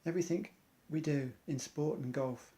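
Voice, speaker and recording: A man's voice: fairly high pitch, moderate pace, mellow. A man, an amateur athlete, earnestly reciting an inspirational monologue in loose rhymes.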